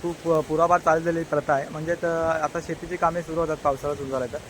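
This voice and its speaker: A man's voice: a little high, level tone, fast, fairly bright tone, slight background noise, poor audio. Marathi man from Konkan vlogging casually. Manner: hesitant, frequent fillers. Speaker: village vlogger. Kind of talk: casual vlog narration. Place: village home and outdoors in rain.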